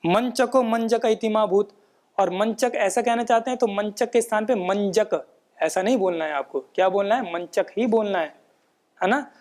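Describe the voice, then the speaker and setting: A man giving a patient, explanatory lesson on pronunciation, often checking in with tag questions and chanting rules in a measured recitation. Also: high voice, a little mellow. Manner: patient, repeats points with frequent "है ना" tag questions. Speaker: Sanskrit pronunciation teacher. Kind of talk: explanatory lecture.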